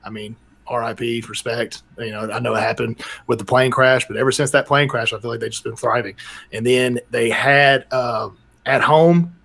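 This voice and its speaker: A man's voice: mid-range voice, vocal fry, pushed and bright. Easygoing male sports podcast co-host. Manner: easygoing, rattles off stats. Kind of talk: casual sports debate.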